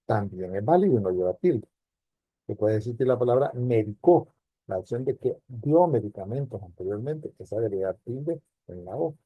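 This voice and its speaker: A man's voice: lowish voice, animated, fairly quick, slightly rough, no room sound, phone-quality sound. Man lecturing students on slide design. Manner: explanatory, addresses students directly with rhetorical questions. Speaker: university lecturer. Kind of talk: recorded online class lecture.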